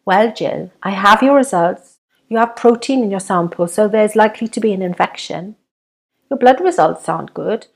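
Woman reader doing a soft-spoken, caring older nurse; calm and concerned. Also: mid-range voice, normal speed, gravelly. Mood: gentle concern.

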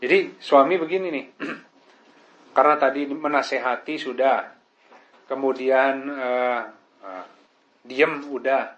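With a medium pitch and a slightly bright tone, a male Islamic preacher delivers an informal lesson in a chatty way, frequently asking "right?" The audio is dull and lo-fi.

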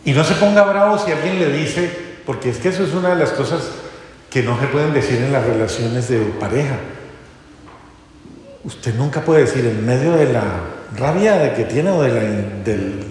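A man's voice: mid-range voice, animated, moderate pace, darkish tone, a little hiss or hum. Male priest, sermon delivery, coaxing and repetitive; long hall reverb, faint ambience. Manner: coaxing, repeats commands, builds up lists. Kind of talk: sermon to a congregation.

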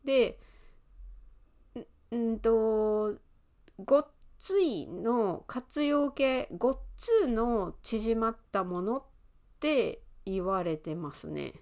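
A woman in her thirties with an Osaka accent, hosting a podcast lesson and explaining words in an easygoing way with fillers and soft laughs. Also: a little high, animated, drawn-out words, long pauses. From Osaka, Japan. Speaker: Japanese teacher and podcast host.

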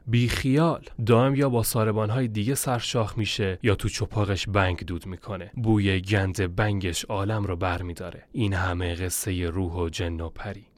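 Deep-voiced man reading a story. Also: dry recording. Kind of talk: scripted first-person story narration.

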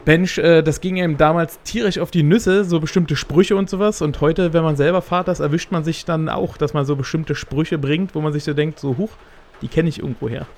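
A man's voice: a little high, fairly even intonation, brisk, few pauses, a little mellow. A man in his thirties co-hosting a podcast, talking casually and rambling with many fillers. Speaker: podcast co-host. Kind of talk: casual chat.

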